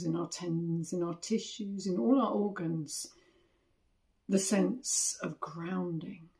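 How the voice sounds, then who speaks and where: A woman meditation teacher guides a body scan, speaking gently and soothingly in short phrases separated by long pauses. Her voice sits on the low side.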